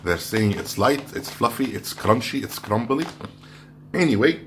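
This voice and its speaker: A man's voice: mid-range voice, animated, unhurried. A man giving a casual food review, talking while he handles and crunches chips, in an off-the-cuff vlog style. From outside the Philippines. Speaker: snack reviewer. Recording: clearly noisy background.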